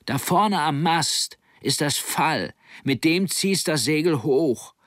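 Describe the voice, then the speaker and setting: A man voicing a determined teenage boy who shouts urgent orders while sailing in a storm. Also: mid-range voice, a little slow, vocal fry, slightly rough, no echo, clean studio sound, full character voice. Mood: urgent, shouting.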